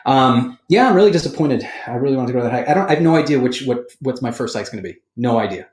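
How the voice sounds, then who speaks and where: A man hosting a podcast, talking loosely and correcting himself mid-sentence with sudden jumps in energy. His voice sits at an ordinary middle pitch, and the room gives it a noticeable echo. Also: fast. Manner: rambling, self-correcting, animated. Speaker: podcast host. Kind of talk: casual chat. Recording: roomy studio echo.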